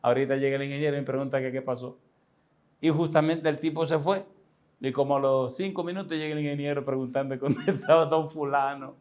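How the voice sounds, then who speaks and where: A man's voice: mid-range voice, fairly even intonation, fast talker, a little mellow. Chatty older male pastor telling a story. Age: 60s. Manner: conversational, addresses listeners directly, chuckles often. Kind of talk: sermon storytelling.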